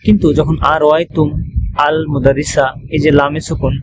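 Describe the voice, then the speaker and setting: Man, Bangladeshi Bengali accent, online grammar teacher, step-by-step explaining, slow example reading, slightly high voice, noticeable background noise. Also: steady tone. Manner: explains step by step, often asks checking questions; reads example phrases slowly, then translates. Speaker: Arabic teacher. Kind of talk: recorded online grammar lesson.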